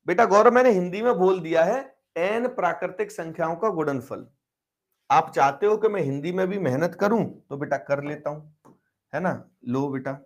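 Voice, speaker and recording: Coaxing male math teacher, slightly high voice. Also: normal speed. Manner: coaxing, quizzing students, switching between Hindi and English terms. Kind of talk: live online math class.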